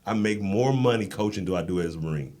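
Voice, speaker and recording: Quick-paced and on the low side, this man's voice carries casual anecdotes as a guest on a podcast. He's an American endurance coach and Marine, an animated storyteller who voices the quotes in his tales.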